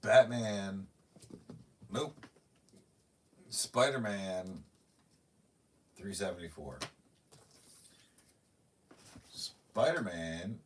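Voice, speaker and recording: A man's voice: lowish voice, recorded from a distance, slight background noise. A middle-aged man ranting casually on a live stream, talking to his viewers and his cats. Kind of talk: rambling live-stream chat.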